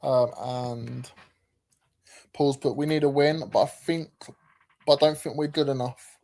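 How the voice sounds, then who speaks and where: A man's voice: mid-range voice, fairly even intonation, unhurried, gravelly, darkish tone. A man, hosting a casual football livestream, reading chat comments aloud with a lot of hesitant ums. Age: 30s. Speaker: livestream host.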